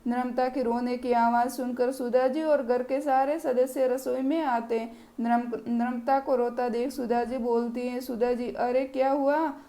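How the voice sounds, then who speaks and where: A woman narrating a family story in a steady, plain reading style. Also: a little high, unhurried, few pauses.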